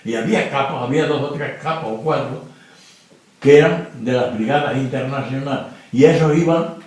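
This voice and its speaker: Casting: elderly Spanish man in his nineties, mid-pitched, rambling testimony, recorded from a distance in a roomy space. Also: moderate pace, darkish tone. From Spain. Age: 90s. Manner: rambling, keeps asking "comprendes?". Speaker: interviewee, war survivor. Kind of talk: spoken testimony. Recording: roomy echo, mic at a distance.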